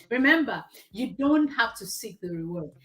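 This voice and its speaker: High, bright woman hosting for kids. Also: unhurried. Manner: animated kids show host, addressing children with exclamations and questions; emphatic, repeats phrases for effect. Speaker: host of a children's lesson on moral values. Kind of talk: informal teaching for children.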